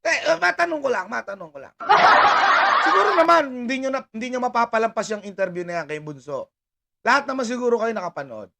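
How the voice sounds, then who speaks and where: A man's voice: extremely high pitch, expressive, quick pace, vocal fry. A man vlogger ranting on a livestream, laughing and taunting as he talks, swearing freely and thanking viewers by name. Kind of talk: mocking livestream rant. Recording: loud background noise.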